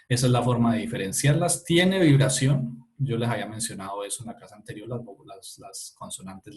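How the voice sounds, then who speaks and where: A male university lecturer giving an online class, explaining step by step, often checking in with his students and pausing to correct himself. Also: medium pitch, a little mellow. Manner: halting, with frequent self-corrections and fillers.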